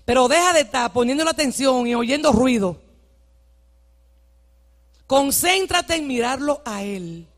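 A woman's voice: sits high, lively intonation, a little slow, long pauses. Fervent woman pastor preaching in a hall. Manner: fervent, often shouting, urging the congregation. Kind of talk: sermon. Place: church hall. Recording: long hall reverb.

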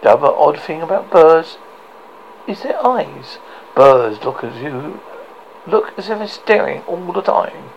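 Brief: story narrator, gravelly and very varied in pitch, stumbling read, faintly noisy amateur recording. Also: animated. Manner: halting, often stumbles and repeats words. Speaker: storyteller reading a short story aloud.

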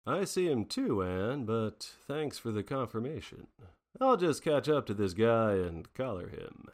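In a 1940s-style noir radio drama, a man plays a wry, unflappable private detective, telling the story in a theatrical, wordy way. His medium-pitched voice is very animated yet unhurried, set in a long, reverberant hall sound.

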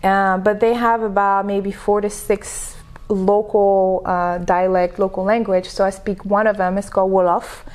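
A woman's voice: medium pitch, little pitch movement, unhurried, a little mellow. A woman from Senegal, a native French speaker, chatting as a podcast guest and coach, telling stories and laughing easily. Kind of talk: casual interview chat.

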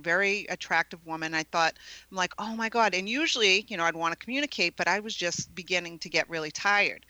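A woman tells a ghost story as an interview guest, lively and chatty, peppering it with "you know" and "right?". Her voice is bright and a little sharp. The sound is dry and close. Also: lowish voice, dry recording, poor audio. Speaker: paranormal investigator guest. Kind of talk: animated anecdote telling.

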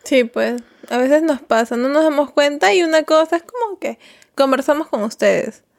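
A woman's voice: sits high, animated, moderate pace, vocal fry, dry recording, studio quality. A woman co-hosting a podcast, playful and teasing in casual chat. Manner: playful, teasing, laughs often. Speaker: podcast co-host.

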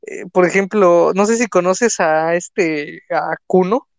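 A high-pitched young man from Mexico speaks at a slow pace with vocal fry, captured in a dry recording. As a content creator with a Mexican Spanish accent, he chats casually on a live stream, rambling with many fillers and restarts.

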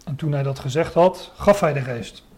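Hesitant, mellow-voiced Dutch-speaking preacher. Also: male voice, on the high side, moderate pace, slightly rough. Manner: reads scripture aloud, then explains with many hesitations. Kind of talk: Bible teaching sermon.

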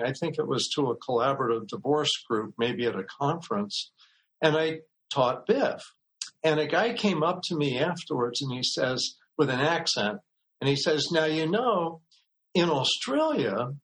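An older man with a somewhat raised pitch tells a story at an easy, unhurried pace. He is a lawyer and mediator speaking as a podcast guest. He acts out the voices of people he quotes. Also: low-quality recording. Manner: relaxed anecdotal telling, acts out quoted voices.

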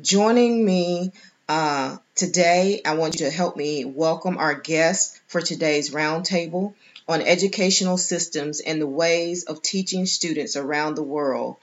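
A woman with a lowish voice hosts a round-table podcast. She introduces her guests in a formal, measured way, pausing now and then. The sound is dull and lo-fi. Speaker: host.

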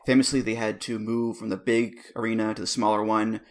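Male host, casual and wry, lowish voice. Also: flat delivery, a little fast. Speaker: podcast host. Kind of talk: casual chat.

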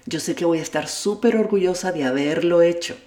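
A low-voiced woman whose first language is Spanish delivers a motivational monologue as a life coach and podcast host, speaking in an echoey room. Her dark-toned voice runs a little fast, and she is candid and self-deprecating, addressing the listener directly; she's an adult with a child at home.

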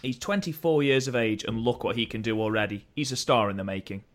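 A man co-hosting a podcast, chatting casually about wrestling in an animated, opinionated way that slides into rants. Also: medium pitch, fairly quick. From United Kingdom. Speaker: podcast co-host.

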